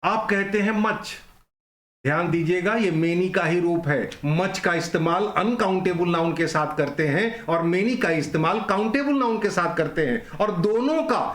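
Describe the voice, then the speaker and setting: A man's voice: high-pitched, normal speed, reverberant. A man teaching an online grammar lesson, explaining rules step by step and repeating the key points.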